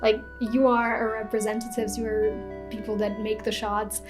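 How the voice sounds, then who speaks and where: A woman's voice: on the high side, flat delivery, normal speed. A young woman from Slovakia ranting frankly in a casual video, with many fillers and restarts. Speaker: vlogger. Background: music.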